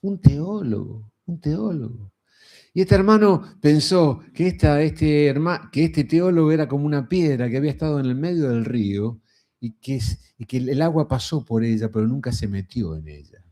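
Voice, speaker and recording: Middle-aged Rioplatense male preacher; relaxed, conversational sermon delivery with a warm, dark tone and plenty of rhetorical asides. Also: a little high, normal speed. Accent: Rioplatense Spanish. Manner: folksy and conversational, frequent rhetorical "¿no?".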